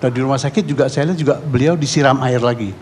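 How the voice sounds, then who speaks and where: The Indonesian eyewitness speaks haltingly on the talk show, restarting and repeating words as the neighborhood head describes what he saw. His ordinary-pitched male voice has a darkish tone and echoes with long hall reverb, with faint room ambience and slight background noise beneath.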